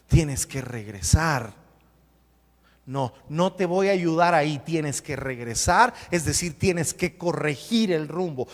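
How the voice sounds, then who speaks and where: A man preaching a sermon as pastor, emphatic and repetitive, with sudden loud bursts. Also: high-pitched. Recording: long hall reverb.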